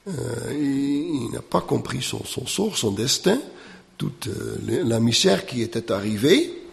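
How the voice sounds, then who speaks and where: A man whose first language isn't French gives a slow, halting lecture on the Bible, full of "euh" and tag questions. His gravelly, mid-range voice swings up and down a good deal, with big pitch swings. A long reverb trails behind him, as though he were in a big hall.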